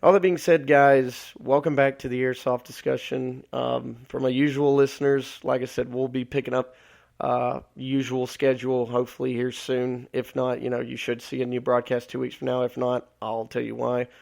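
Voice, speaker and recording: A man's voice: mid-range voice, level tone, normal speed, gravelly, darkish tone. A man from Alabama, hosting a solo live podcast, losing his voice and rambling with many filler words. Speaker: podcast host.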